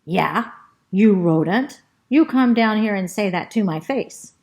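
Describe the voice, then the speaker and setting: A woman voicing an angry male dog in a children's storybook reading, talking in a loud, blustering way. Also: medium pitch, animated, measured pace. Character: angry, barking male dog picking a fight.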